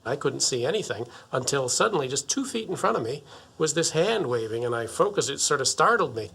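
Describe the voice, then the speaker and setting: A man's voice: mid-range voice, very animated, brisk, creaky, sharp tone, breathy edge. A man giving interview testimony, telling his story vividly and acting out the lines he quotes. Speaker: interviewee, survivor.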